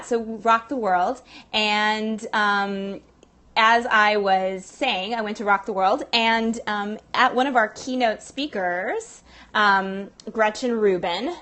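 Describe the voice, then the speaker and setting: A woman with a Southern California accent talks casually to a livestream audience from a Pilates studio. She rambles through her points with plenty of ums and breaks off to greet viewers. Her pitch sits in the middle for a woman. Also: fairly bright tone. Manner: chatty, rambling, many fillers, reads viewer comments. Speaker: livestream host.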